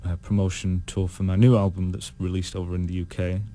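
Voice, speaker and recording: A British man, a singer being interviewed, talking in a thoughtful, halting way full of restarts. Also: low voice, little pitch movement, mellow, a little hiss or hum. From United Kingdom. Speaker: guest singer. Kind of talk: casual interview chat.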